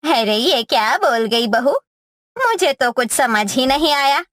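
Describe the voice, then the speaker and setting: A woman voicing a sharp-tongued middle-aged mother-in-law in a cartoon story, hurling mocking insults. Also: sits high, expressive, a little slow, dry recording, clean studio sound. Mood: fussing.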